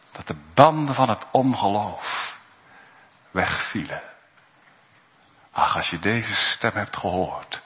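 A man delivers a sermon at a slow, deliberate pace, pausing between phrases and lifting his voice on key words. His voice carries with a long reverb through a church. The recording sounds dull and lo-fi. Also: lowish voice. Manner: slow, emphatic preaching with pauses and rising calls. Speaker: preacher.

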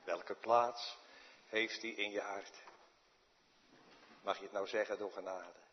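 A man preaching a sermon in a church, slow and dramatic, with sudden hushed drops. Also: fairly low pitch, fairly even intonation, dull audio, slight background noise. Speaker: pastor.

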